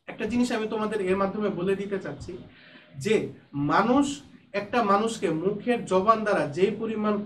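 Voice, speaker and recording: A man's voice: sits high, far from the mic, a little hiss or hum, poor audio. A Bangladeshi Bengali-accented man teaching an online school lesson, explaining words one by one with frequent hesitations.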